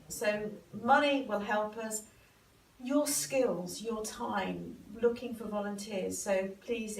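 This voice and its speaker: A woman dentist talks in an interview, heartfelt and emphatic, with some gravel in her voice. She sits back from the mic in an echoey room with faint background noise. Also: mid-range voice, far from the mic. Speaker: dentist guest. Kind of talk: sofa interview.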